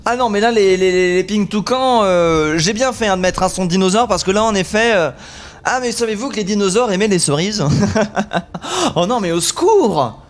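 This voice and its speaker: A man doing live esports commentary as a caster, with excitable, exclaiming play-by-play. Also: high voice, a little fast.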